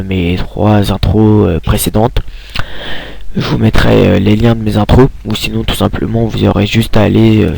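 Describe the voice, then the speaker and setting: Rambling man, low gravelly voice. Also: darkish tone, no echo. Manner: rambling, lots of hesitant "euh" and restarts. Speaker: YouTuber giving a screen tutorial. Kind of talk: casual screen-recorded tutorial. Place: at home at a computer.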